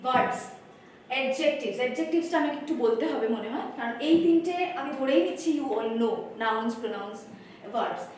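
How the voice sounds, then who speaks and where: A woman's voice: high-pitched, lively intonation, moderate pace, a little mellow, slight background noise. A woman teacher with a Bengali accent, introducing a spoken English course and explaining step by step while mixing Bengali and English. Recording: roomy echo, voice from far off.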